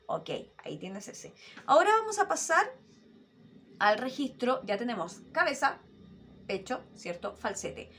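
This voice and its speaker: The speaker is a woman whose voice is a little high, talking at a measured pace over a faint hiss or hum. As an online voice-acting coach teaching dubbing, she is animated, shows off different voices, and keeps asking her listener rhetorical questions.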